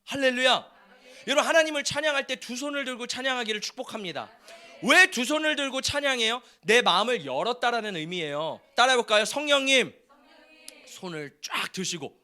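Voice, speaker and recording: A male pastor preaching a fervent sermon in a church sanctuary, often breaking into shouts. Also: very high voice, lively intonation, brisk.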